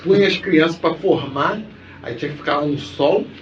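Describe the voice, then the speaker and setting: A man co-hosts a loose podcast chat and tells stories with jokes and swearing. His voice sits a bit high. The sound is dull and echoey, picked up from a distance with faint noise underneath. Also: moderate pace. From Campo Grande, Brazil. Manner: profane, joking, animated storyteller. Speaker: podcast co-host. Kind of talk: casual chat.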